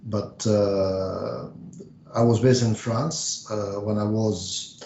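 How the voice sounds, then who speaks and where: A man's voice: lowish voice, steady tone, warm tone, reverberant, muffled recording. A middle-aged man from Lebanon, a banker answering interview questions with many hesitations. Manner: measured, frequent hesitations. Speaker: investment banker guest.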